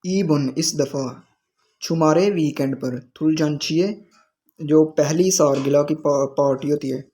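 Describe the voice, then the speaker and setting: A man's voice: fairly high pitch, takes it slowly, mellow. A man teaching a language lesson, explaining the dialogue word by word. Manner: explains word by word, with frequent restarts.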